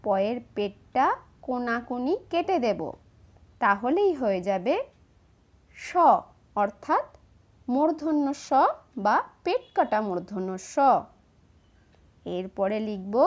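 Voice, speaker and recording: A woman, slowly and patiently explaining each step of writing letters to children. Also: mid-range voice, darkish tone. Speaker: teacher. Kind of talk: handwriting lesson for children.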